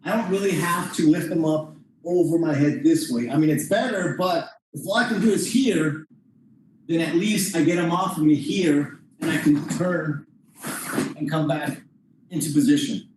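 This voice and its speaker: High-voiced male martial arts coach, very echoey. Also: moderate pace, a little mellow. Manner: informal, explanatory, step-by-step. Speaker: jiu-jitsu instructor. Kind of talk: hands-on class demonstration. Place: indoor training room. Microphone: distant camera microphone. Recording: distant mic, very echoey room, faint noise.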